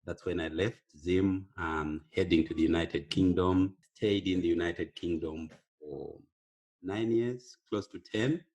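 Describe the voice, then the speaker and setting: Slow, deep-voiced Zimbabwean man. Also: darkish tone. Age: middle-aged. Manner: slow, hesitant, many pauses. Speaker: guest. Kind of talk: casual podcast interview.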